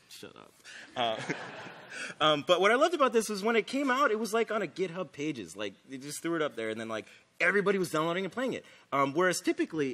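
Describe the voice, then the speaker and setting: Guy rambling excitedly at a tech conference, lots of likes and ums, kinda high bright voice. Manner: enthusiastic, filler-heavy, many "like"s. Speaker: conference speaker. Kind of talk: casual conference talk. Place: conference stage before an audience.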